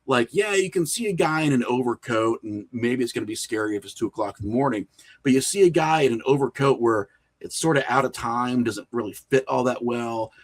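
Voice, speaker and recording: A man with a mid-range voice talks fairly quickly as a podcast guest, where he's a horror filmmaker in a casual interview chat. He explains his views with lively energy in informal, slangy language, frequently saying "like" and "you know" among other fillers.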